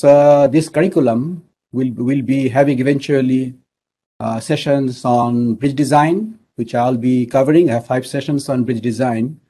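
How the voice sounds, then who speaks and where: A middle-aged Bangladeshi engineering professor gives an online lecture at a measured pace, filling it with lots of fillers. His voice sits at a medium pitch and carries a warm tone.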